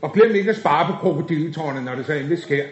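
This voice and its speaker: Casting: man doing a sneering, high-voiced foul-mouthed tough, echoey recording. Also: natural voice. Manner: sneering, wordy insults. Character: cocky, foul-mouthed young male tough. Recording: dull echoey room recording.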